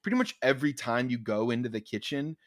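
A man's voice: medium pitch, animated, fast, dry recording, studio quality. A man co-hosting a comedy podcast, talking casually with lots of restarts and playful mock quotes of his own thoughts. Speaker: podcast co-host. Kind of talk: casual chat.

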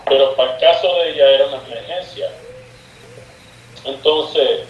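In a casual interview, a guest sorcerer tells a story from his experiences, performing its dialogue and slipping English words into his Spanish. He speaks at normal speed with a medium pitch. The remote call sounds lo-fi, echoey and distant, with faint noise.

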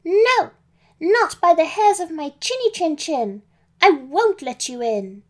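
Woman doing a squeaky shrieking little piggy girl, loud and bossy, storybook voice. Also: lively intonation, slow, full character voice. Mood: defiant.

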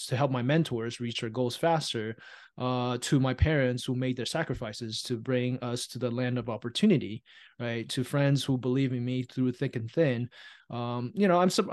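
A man's voice: mid-range voice, darkish tone. Reflective man from Taiwan. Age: 30s. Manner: reflective, often asks "right?". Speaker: guest, real estate investor. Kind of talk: casual interview chat.

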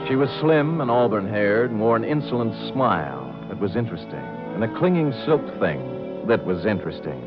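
A man's voice: lowish voice, big pitch swings, moderate pace, hardly any pauses, over loud music. An actor playing a wisecracking, hardboiled private detective who narrates his own case in an old radio drama. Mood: narrating. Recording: dull old radio broadcast.

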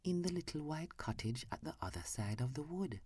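A man voicing a sweet, trusting little girl in a softly whispered bedtime story. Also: a little high, animated, a little fast, slight background noise, pitched above the performer's own voice, lightly acted. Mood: innocent. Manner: soft whispered bedtime delivery.

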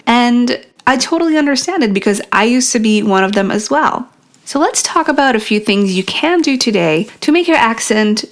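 An earnest woman hosting her own podcast, speaking straight to her listeners in a solo talk. Her pitch sits in the middle range for a woman, and her delivery is steady and encouraging. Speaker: podcast host.

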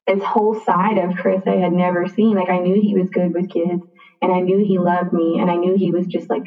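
A young woman telling a personal story as a podcast guest, chatty and full of "like" and quick restarts. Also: lowish voice. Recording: thin phone-like sound, distant from the mic.

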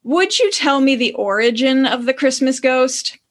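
A woman's voice: high-pitched, animated, moderate pace, pitched above the performer's own voice. A woman reading a bored, dry newspaper editor. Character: bored, dryly polite male newspaper editor.

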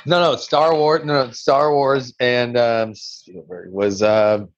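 A male podcast guest talks casually and haltingly, often sounding unsure. His mid-pitched voice comes through slightly muffled, low-fidelity audio. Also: fairly even intonation. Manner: hesitant, unsure. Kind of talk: casual chat. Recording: dull lo-fi microphone sound.

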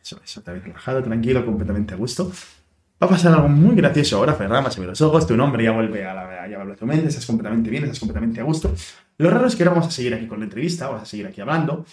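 A man's voice: a little high, a little mellow, distant mic. A man hypnotizing a guest, speaking in soothing suggestive patter. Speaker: hypnotist host. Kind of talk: guided hypnosis induction. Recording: roomy, off-mic.

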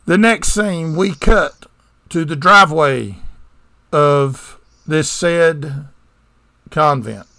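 Gravelly rambling podcast storyteller man. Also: on the high side, very slow, pauses often, pushed and bright, dry recording. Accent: Southern American. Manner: rambling storyteller with digressions and sarcastic asides. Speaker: podcast co-host. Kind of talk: casual chat, retelling a movie plot.

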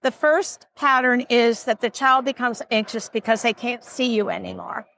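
High-voiced older woman explaining patiently. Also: moderate pace, vocal fry, pushed and bright. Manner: explanatory, teacherly. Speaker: author and grandparent guest. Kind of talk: interview answers. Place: event floor at a toy show.

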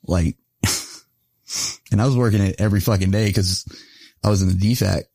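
Low-voiced, profane veteran podcast host. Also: male voice, fairly even intonation, moderate pace, creaky, a little mellow, no echo. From rural area. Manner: profane, laughing, storytelling. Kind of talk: casual podcast chat.

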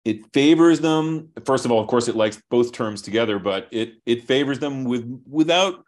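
A man, a software company founder, talking over a video call while he shares his screen and explains his product, brisk and thinking aloud with restarts. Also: medium pitch, lively intonation. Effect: heard over a video call.

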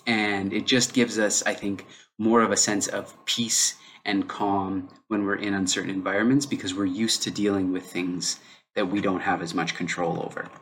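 On a rough recording with a little hiss or hum, a solo podcast host speaks in a lowish, fairly bright voice. He's a native English speaker talking unscripted, thinking aloud with frequent fillers like "um" and mid-sentence restarts.

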